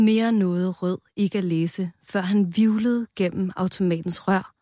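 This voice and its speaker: A woman reading a children's story aloud in a calm, playful storytelling manner, close to the mic. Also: medium pitch, no room sound.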